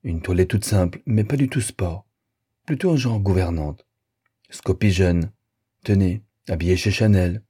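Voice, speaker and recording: A man's voice: low voice, a little slow, warm tone, husky, no room sound, clean studio sound. A man doing a haughty fashion-minded girl. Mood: disdainful. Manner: sniffy and condescending.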